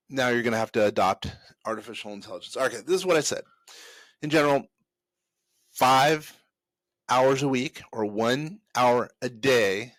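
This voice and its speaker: A man of middle pitch talks straight to his listeners, giving business tips in a loose, chatty way. He restarts his sentences often and scatters fillers as he goes. The sound is dry and close, with no room echo. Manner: conversational, rambling with many restarts and fillers. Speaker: host. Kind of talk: casual advice talk to camera.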